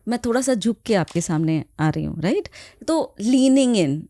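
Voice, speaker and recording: A woman's voice: medium pitch, lively intonation, measured pace, warm tone. A woman talking on a podcast and explaining her ideas with demonstrations. She moves between Hindi and English as she goes. The room sounds dry, with no echo. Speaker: guest image consultant. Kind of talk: podcast conversation.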